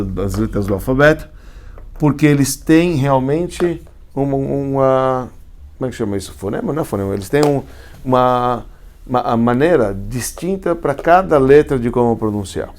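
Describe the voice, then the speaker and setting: A man's voice: medium pitch, darkish tone. A man, a rabbi teaching Hebrew letters in a class, explaining step by step and often asking if students follow. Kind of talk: classroom lecture.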